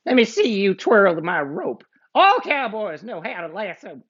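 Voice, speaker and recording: A man voicing a mean, gruff cowboy outlaw with a drawl in a storybook reading, on a muffled lo-fi recording. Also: high voice, big pitch swings, measured pace, fairly bright tone, pitched above the performer's own voice, exaggerated voice. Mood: suspicious.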